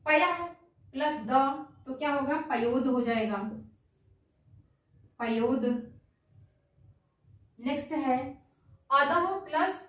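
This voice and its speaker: A high-voiced woman leads an exam-prep grammar lesson, asking a question and answering it herself before repeating the answer. She sounds far from the mic in a very echoey room. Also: takes it slowly, long pauses, fairly bright tone. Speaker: teacher.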